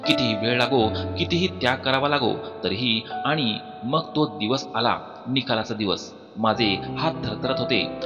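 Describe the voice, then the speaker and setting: A man narrating a heartfelt family story in a steady, even storytelling voice. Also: mid-range voice. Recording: dull recording with long reverb, soft music behind.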